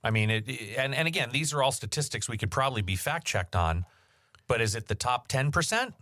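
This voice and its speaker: A man's voice: medium pitch, lively intonation, a little fast, sharp tone, dry recording, studio quality. A man co-hosting a financial podcast, talking candidly in casual chat with jokey asides. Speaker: podcast co-host.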